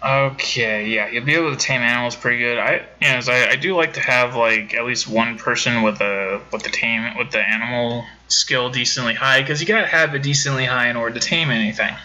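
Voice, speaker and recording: A man's voice: medium pitch, brisk, hardly any pauses, sharp tone, highs cut off. A man streaming a game from home, chatting casually with viewers and rambling with many self-corrections. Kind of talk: casual let's-play commentary.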